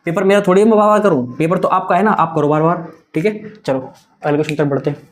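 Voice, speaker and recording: In a high voice and at a racing pace, a young adult man runs a maths exam-prep lesson. His delivery is coaxing and repetitive, with English terms mixed in.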